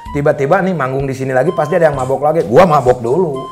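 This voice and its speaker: A man's voice: on the high side, fast talker, faint music behind. A man chatting casually as a comedian host, telling anecdotes animatedly and repeating phrases. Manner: animated storyteller acting out what others said; slangy, repeats phrases for emphasis. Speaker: comedian and talk show host. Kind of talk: casual chat with comic anecdotes.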